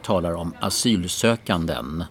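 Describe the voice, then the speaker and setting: A man's voice: deep voice, expressive, vocal fry, a little hiss or hum. A man co-hosting a casual chat podcast, playful and teasing, who repeats himself for effect. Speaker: podcast co-host.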